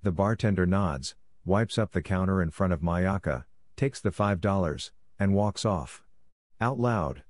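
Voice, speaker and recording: Deep male narrator, even scripted reading, dry close mic. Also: a little slow, no room sound. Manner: even, matter-of-fact reading. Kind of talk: scripted narration of screenplay directions.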